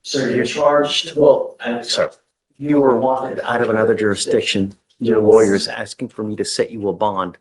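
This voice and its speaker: A man's voice: mid-range voice, fairly even intonation, normal speed, husky. A male judge presiding over a hearing in a courtroom, plain-spoken and conversational, with a joking side.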